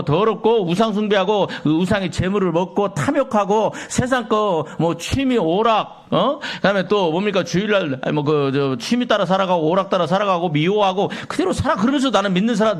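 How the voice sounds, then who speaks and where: A male pastor preaching a Sunday sermon in a church, firing rhetorical questions at the congregation and acting out little scenes. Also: high voice. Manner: acts out quoted dialogue in sketches. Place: church sanctuary.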